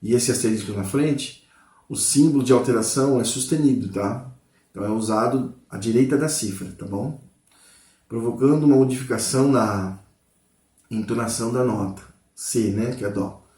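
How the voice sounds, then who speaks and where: A man's voice: mid-range voice, darkish tone, reverberant. A man giving a casual guitar lesson. He names the notes aloud as he plays and keeps checking in with the viewer. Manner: explains patiently, constant "tá?" and "né?" check-ins. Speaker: guitar teacher. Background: guitar playing.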